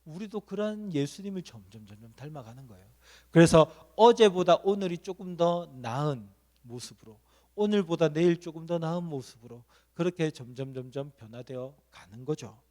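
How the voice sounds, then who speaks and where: A man with a fairly high voice preaching to middle schoolers at a church service. He asks the room question after question and answers them himself. Now and then he acts out an inner voice talking straight to the students. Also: lively intonation, normal speed, dark tone. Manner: acts out an inner voice speaking to the listener. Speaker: youth pastor.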